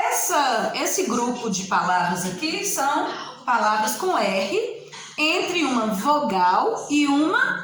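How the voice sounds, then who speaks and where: A woman teacher giving a slow, patient spelling lesson and repeating each word aloud. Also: sits high, a bit bright, very echoey, low-quality recording.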